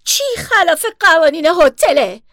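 A woman's voice: extremely high pitch, expressive, fairly bright tone, dry recording, clean studio sound, voice pushed up. A woman voicing a desperate young woman in a storybook reading, pleading and raising her voice. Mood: desperate, shouting.

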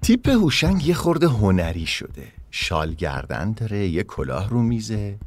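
A man's voice: lowish voice, sing-song. A man narrating a sitcom with wry descriptions of what the characters do. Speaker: narrator of the show. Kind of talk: comic narration.

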